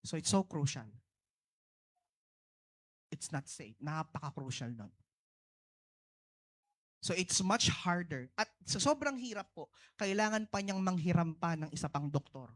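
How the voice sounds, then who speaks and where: Filipino-accented pastor sharing a testimony. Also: male voice, sits high. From Philippines. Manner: switches between Tagalog and English, asks the congregation "no?" and "di ba?"; talks in short bursts with big swings in loudness. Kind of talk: sermon testimony.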